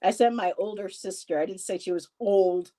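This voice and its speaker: This is a woman in her fifties with a mid-range, dark-toned voice at a moderate pace. Hosting a live stream, she reads viewer comments, chats casually with a friend, rambles and often breaks into laughter.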